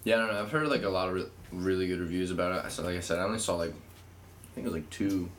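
Deep-voiced young man, rambling podcast banter. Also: quick pace, fairly bright tone, a little hiss or hum. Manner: rambling, laid-back, swears a lot. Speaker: podcast co-host. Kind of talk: casual crude podcast banter.

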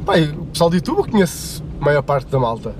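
A man with a European Portuguese accent and a fairly high voice hosts a relaxed interview in informal slang. He speaks inside a car, with clear road noise behind him. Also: fast. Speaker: host of an in-car YouTube interview show. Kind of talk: casual chat interview. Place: inside a car being driven.

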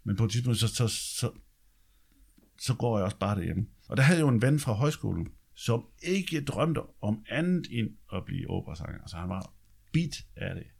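A man with a low, deep bass voice that is gravelly and husky, telling stories from his past. He chats loosely and keeps checking in with his listener. He drops in casual swear words as he goes. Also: animated. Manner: chatty, tags lines with "ikke?", swears casually. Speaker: guest telling his life story. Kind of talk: casual storytelling.

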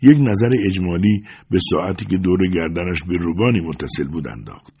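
A man narrating a story as an audiobook in a steady, measured reading. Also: deep voice, husky.

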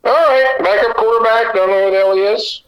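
Opinionated man, slightly high voice. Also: fairly quick, lo-fi sound. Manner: opinionated, talks in long runs. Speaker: podcast co-host. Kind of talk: casual sports chat.

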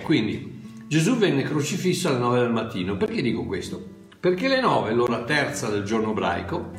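Man, preacher, bible teaching, conversational with asides, roomy echo, soft guitar behind. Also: mid-range voice.

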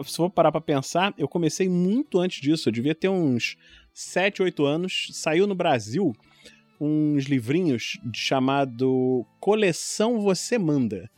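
A man in his forties with a Rio de Janeiro Brazilian Portuguese accent, a podcast guest and longtime tabletop RPG player, tells personal stories in a casual chat. His storytelling is animated and informal, full of quoted exclamations, in a voice on the high side with no room sound.

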